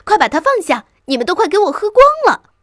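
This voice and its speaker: A woman's voice: extremely high pitch, very animated, quick pace, dry recording, clean studio sound, voice pushed up. A woman voicing a small, cranky male rat who screeches and scolds in a storybook reading. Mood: screeching. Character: shrill, territorial male rat, drunk and cranky.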